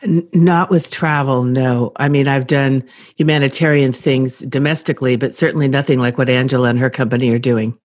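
A woman's voice: rumbling low, steady tone, brisk, a little mellow. A woman co-hosting a podcast, asking questions in a conversational interview style. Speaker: podcast co-host.

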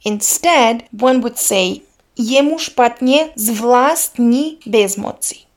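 Teaching linguistics on her podcast, a woman who grew up speaking Serbian delivers a scripted grammar lesson, calm and explanatory. Her voice is a little high, and she drops in Slavic example phrases.

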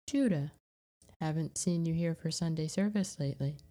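Woman voicing a gentle young farmer man. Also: deep voice, normal speed, lightly acted. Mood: polite.

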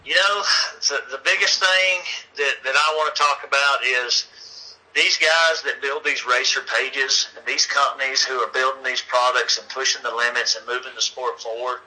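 Bright-voiced, fired-up man. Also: mid-range voice, fairly even intonation, normal speed, low-quality recording. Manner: earnest, folksy, rallying fans. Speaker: rock racing league organizer, guest. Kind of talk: casual interview chat.

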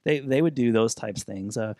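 A man's voice: mid-range voice, fairly quick, a little mellow, dry recording. Casual man chatting on a dry mic. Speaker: podcast co-host. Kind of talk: casual reminiscing chat.

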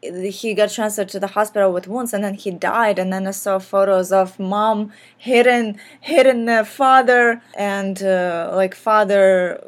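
A woman's voice: medium pitch, steady tone, a little slow, few pauses. Young woman from ukraine podcasting, earnest casual chat, lots of likes and ums. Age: young adult. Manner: earnest, frequent fillers like "like" and "um". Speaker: podcast host. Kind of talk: casual personal podcast talk.

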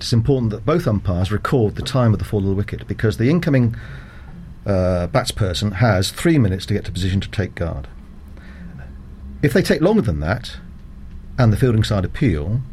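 A man with a fairly low voice talks in a measured, formal way, laying out the rules of the game point by point. Faint ambient noise sits under the recording. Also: darkish tone. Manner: measured, explanatory, formal phrasing. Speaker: cricket umpire guest. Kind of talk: conversational interview.

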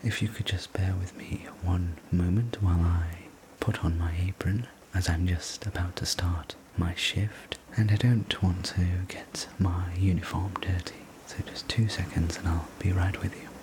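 Guy doing whispered role-play sleep story, really slow and soothing, clear ambient noise behind him. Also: deep voice, fairly even intonation, poor audio. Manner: soothing, gentle, unhurried sleep story narration. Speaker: sleep story narrator playing a night-shift diner server.

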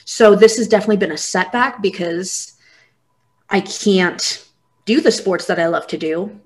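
A woman's voice: medium pitch, moderate pace. A young woman speaking as a guest in a casual interview, open and earnest as she talks. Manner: open, earnest, laughs easily.

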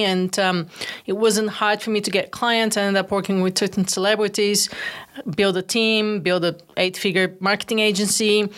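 A woman's voice: mid-range voice, a bit bright. A middle-aged woman from Bulgaria, a company founder, answering questions as a guest in a podcast interview, telling her story fluently with frequent ums. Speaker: guest, founder of a wellness movement.

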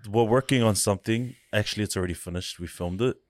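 A man's voice: fairly low pitch, fast talker, dry recording, clean studio sound. Laid-back man. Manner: laid-back, chatty, laughs easily. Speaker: podcast guest, actor. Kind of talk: casual chat. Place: studio.

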